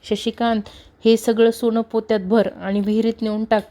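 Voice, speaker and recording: A woman's voice: fairly high pitch, flat delivery, moderate pace, mellow, lightly acted. A woman voicing a shrewd, bossy old mother-in-law who gives orders in a scolding, commanding way.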